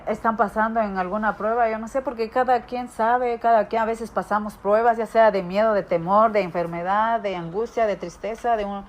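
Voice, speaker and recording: A woman preaches a sermon in a church hall. She tells stories from her own life and acts out the voices she quotes. A faint noise runs under the recording. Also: medium pitch. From Guatemala.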